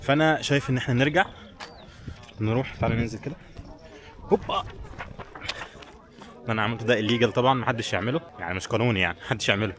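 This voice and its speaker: His mid-range voice races, broken by long pauses, as this Egyptian-accented travel vlogger talks casually to the camera on the move. The setting is a busy tourist village outdoors, full of crowd chatter and street sound.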